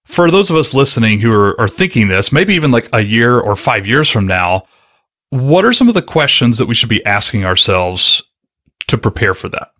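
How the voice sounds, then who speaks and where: A man's voice: medium pitch, big pitch swings, pushed and bright. A man hosting a casual podcast interview, chatty and joking as he asks his questions. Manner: joking, chatty, fast-talking. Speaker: podcast host.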